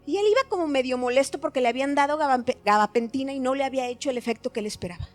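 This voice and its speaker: A woman's voice: sits high, racing, faint music behind. A middle-aged woman giving an earnest, heartfelt personal testimony at a church meeting.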